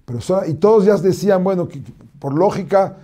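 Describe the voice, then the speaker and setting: A rabbi teaches in a storytelling way, his fairly high voice mellow and soft-edged. He restarts phrases often and throws his voice up when he acts out cries. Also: a little fast. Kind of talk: sermon-style teaching talk.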